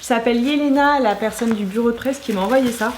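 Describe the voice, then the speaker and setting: A woman's voice: fairly high pitch, fast, a little mellow. A woman in her thirties chatting casually and enthusiastically as she unboxes beauty products, gushing over each one. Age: 30s. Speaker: beauty vlogger. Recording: echoey room, faint noise.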